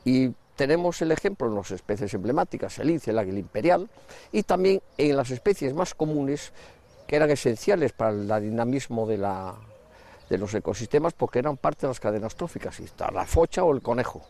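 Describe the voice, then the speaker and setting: A man's voice: medium pitch, animated, fairly quick, a little mellow. A man from giving interview answers as a conservation expert. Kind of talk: interview talk.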